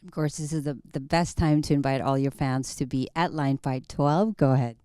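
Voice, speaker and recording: A woman's voice: extremely low pitch, fairly even intonation, moderate pace, dark tone, clean tone, no echo, studio quality. A woman working as a sports reporter, asking prepared questions in a broadcast interview style.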